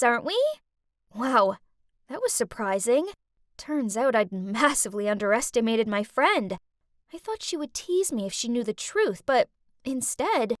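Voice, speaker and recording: A woman narrating an animated story in first person as a scheming teenage schoolgirl, in an expressive, animated storytelling manner. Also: fairly high pitch, dry recording, studio quality.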